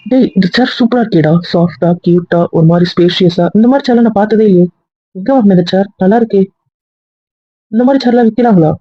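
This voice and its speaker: An actor playing a chatty visitor who gushes quickly, in an amateur serial drama. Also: mid-range voice, dry recording, lo-fi sound, close to an everyday voice. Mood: impressed. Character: chatty, impressed house visitor.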